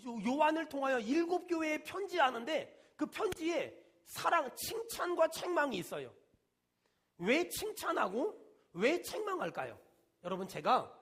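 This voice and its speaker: A man, a senior pastor, preaching a sermon with emphatic call-and-response and shouted peaks. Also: extremely high pitch.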